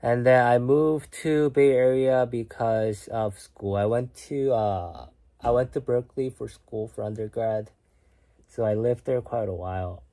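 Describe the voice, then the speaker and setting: A young man from Korea hosts a relaxed late-night livestream from home, reading chat in an unhurried, medium-pitched voice. He muses quietly and sometimes falls to a whisper.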